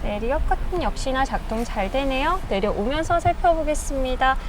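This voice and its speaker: A woman's voice: high-pitched, expressive, moderate pace, background noise. A woman narrating a scripted used-car walkaround as a dealership presenter, with polite, orderly inspection patter. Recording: music behind the voice. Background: background music.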